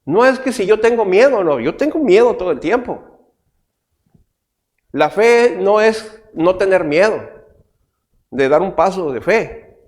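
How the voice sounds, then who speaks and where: Animated pastor, high voice. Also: male voice, a little slow, long pauses. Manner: animated preaching, with frequent rhetorical questions. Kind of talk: sermon.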